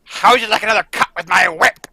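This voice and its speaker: An actor playing a jealous, fading female circus cat trainer in a 1940s-style radio drama table read, shouting and spiteful. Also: high voice, quick pace, slightly rough, no echo, heavily acted.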